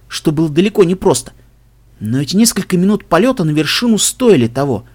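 A man narrating a storybook aloud with expressive delivery. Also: high voice. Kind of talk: storybook reading.

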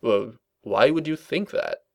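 A man's voice: mid-range voice, big pitch swings, a little slow, gravelly. A man voicing a puzzled, matter-of-fact male pony guard captain.

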